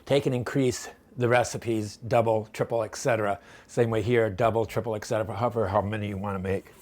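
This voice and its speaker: A man's voice: on the low side, fairly even intonation, fairly quick. A man casually demonstrating a recipe in his home kitchen, chatty and folksy, rambling between steps. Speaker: home cooking vlogger.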